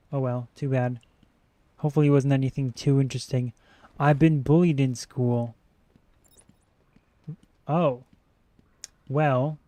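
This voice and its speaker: A man's voice: medium pitch, warm tone. A man streaming a video game who chats casually, rambling while he plays and answering his chat. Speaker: gaming streamer. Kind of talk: casual let's-play commentary.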